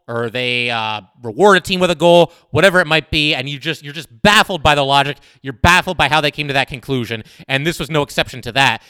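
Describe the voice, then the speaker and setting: A man hosting a solo sports podcast, breaking down a play with animated, emphatic talk and frequent fillers. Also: a little high, clear, resonant tone, no echo, studio quality.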